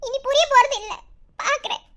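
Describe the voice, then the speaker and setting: A woman's voice: extremely high pitch, fairly quick, sharp tone. A woman with a Madurai Tamil accent voicing an upset young wife in a cartoon, tearful and indignant. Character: young wife upset over a family split.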